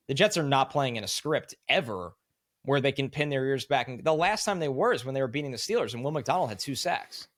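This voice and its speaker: Dude explaining football stuff in long runs, mid voice, dry sound no room. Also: male voice, mid-range voice, fairly bright tone, dry recording. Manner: analytical, talks in long run-on explanations. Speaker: podcast co-host. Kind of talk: casual sports analysis chat.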